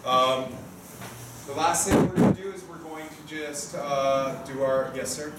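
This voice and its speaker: This fairly high-pitched man in his fifties speaks with a steady tone and measured pace while running an informal coaching briefing as the sparring event's organizer and referee. He often adds short tag questions to check in, and the recording is distant, echoey and noisy.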